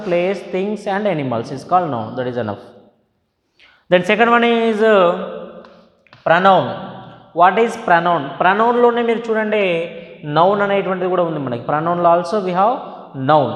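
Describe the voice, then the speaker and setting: A man with a Telugu accent giving a class lecture, switching between Telugu and English and slowly repeating each definition. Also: high-pitched. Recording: echoey room with long reverb.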